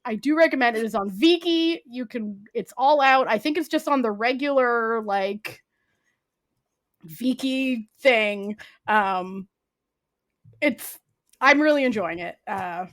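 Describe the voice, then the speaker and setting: Recommending shows on a podcast she co-hosts, a young woman rambles happily about a comedy she's into, packing her talk with "like" and bursting into laughter. Her voice is fairly high and fairly bright.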